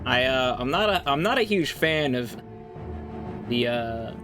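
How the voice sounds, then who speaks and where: Man, let's play commentator, rambling and hesitant, slow, game music behind. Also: medium pitch, animated. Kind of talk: casual gameplay commentary. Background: game audio.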